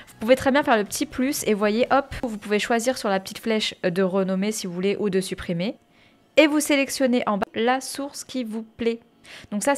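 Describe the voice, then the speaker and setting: A woman giving a casual tutorial on streaming software, chatty and full of fillers, calling her viewers "guys". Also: mid-range voice. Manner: chatty, many fillers, addresses viewers as "les gars". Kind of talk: casual screen-share tutorial. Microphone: headset or desk mic with earphones.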